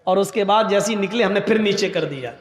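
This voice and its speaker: A man preaching a fiery sermon, telling a story and asking the crowd questions, rising to shouts for emphasis on a stage microphone. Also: high-pitched. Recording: echoey hall with long reverb.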